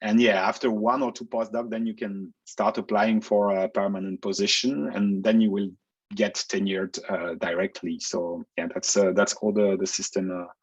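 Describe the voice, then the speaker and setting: A man's voice: on the low side, little pitch movement, moderate pace, muffled recording. A man who grew up in Belgium, a researcher answering interview questions in a casual, hesitant way with many fillers and restarts, speaking over a video call. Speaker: researcher guest.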